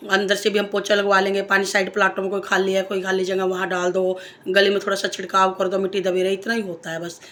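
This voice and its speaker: A vlogger sharing opinions talks casually to camera in a medium-pitched, slightly bright voice, fast and completely flat. In this spoken monologue she is emphatic and repetitive, repeating phrases, asking rhetorical questions, and telling personal stories.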